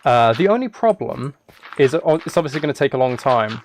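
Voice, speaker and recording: This livestream host has a mid-range voice with big swings in pitch and a fairly quick pace. Chatting casually with viewers while he plays a game, he teases them playfully and drifts off into rambling tangents. Typing and key clicks sound behind him in an otherwise clear recording.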